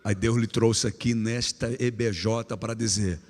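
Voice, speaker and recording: A man preaching a lively youth sermon, telling stories with humor and bursting into shouts. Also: on the low side, unhurried. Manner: animated, humorous storytelling, sudden shouts. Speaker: guest pastor. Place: church hall. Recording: echoey church hall.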